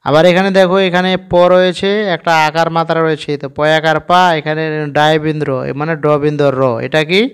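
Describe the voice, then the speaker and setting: A man teaching a reading lesson, spelling out words slowly and patiently, asking quick questions and answering them himself. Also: on the high side, little pitch movement, clear, resonant tone. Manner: patient, slow and repetitive, with quiz-like questions to the viewer.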